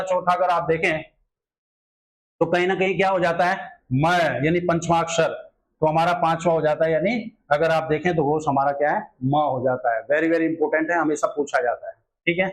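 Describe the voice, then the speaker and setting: A man with a fairly high voice talks through a grammar lesson aimed at exam preparation. He explains every answer step by step, keeps circling back with rhetorical questions and repeats his key points. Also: rough recording. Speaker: teacher.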